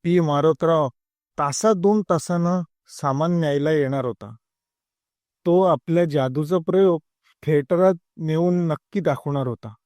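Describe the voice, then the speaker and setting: Slow, dark-toned male storyteller. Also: a little high, no room sound, studio quality. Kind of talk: Marathi comic storytelling.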